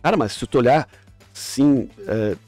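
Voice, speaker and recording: A man's voice: mid-range voice, measured pace, a little mellow, no room sound, soft background music. A middle-aged man, a podcast guest coaching on communication, explaining with examples and frequent restarts. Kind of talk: casual podcast chat.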